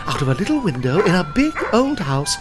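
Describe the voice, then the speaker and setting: A man giving scripted narration for a children's cartoon in a measured storybook manner. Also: high-pitched, very animated, over music.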